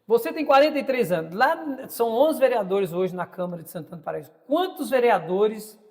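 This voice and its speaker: With a high voice, lively intonation and a darkish tone, this Brazilian podcast host in his fifties speaks briskly. He carries a Brazilian Portuguese accent and conducts a casual interview, opinionated and often repeating words while finding them. There's a big-room sound to the recording.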